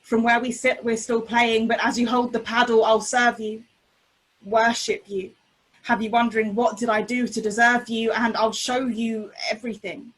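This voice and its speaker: A woman slam poet performing spoken-word poetry with a deliberate, rhythmic, intense delivery. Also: on the high side, level tone, low-quality recording. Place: remote online video call.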